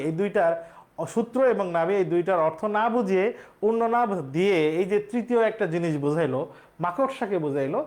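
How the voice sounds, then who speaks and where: A man's voice: high voice, a little mellow. A male teacher, explaining exam questions step by step and quizzing his students. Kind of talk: exam-prep lesson.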